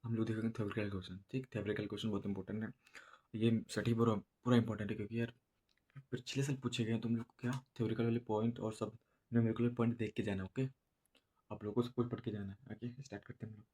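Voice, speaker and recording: Male teacher, monotone delivery, slow and repetitive, headache-weary exam lesson. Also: fairly low pitch, slightly rough. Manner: slow, repetitive explaining with many filler checks. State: has a headache. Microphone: no proper voice recorder.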